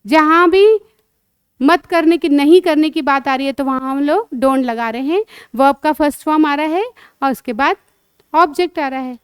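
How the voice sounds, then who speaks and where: Woman, English teacher for kids; high, dry recording, drills phrases slowly and patiently. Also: no echo. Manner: patient, repeats phrases slowly, quizzes with questions. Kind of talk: teaching lesson to children.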